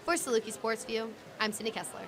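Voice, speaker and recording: Brief: young woman, student TV reporter, high voice, scripted news read, faint background hum. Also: quick pace.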